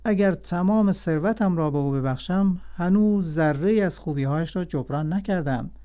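An enraged, suspicious king barks out his orders, as a male storyteller puts him on. The voice sits a bit high with a soft, mellow tone, and it is read like a storybook. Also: smooth, lightly acted. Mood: stern. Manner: commanding, quick to rage. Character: angry suspicious old king.

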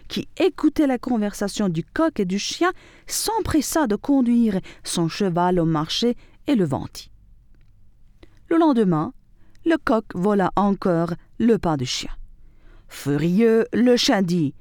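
A woman reading a storybook tale aloud in an expressive narrating style. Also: medium pitch, takes it slowly, no echo, studio quality.

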